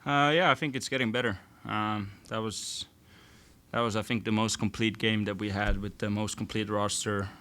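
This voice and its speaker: A young college basketball player answering postgame questions casually, sometimes searching for words and restarting. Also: male voice, lowish voice, fairly even intonation, moderate pace, bright, forceful tone. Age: young adult. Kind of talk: postgame press conference answers.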